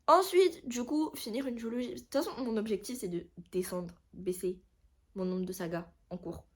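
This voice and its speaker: A woman's voice: mid-range voice, normal speed, breathy edge. A young woman talking casually about books in a vlog, rambling, chatty and often correcting herself. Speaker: book vlogger. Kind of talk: casual chat.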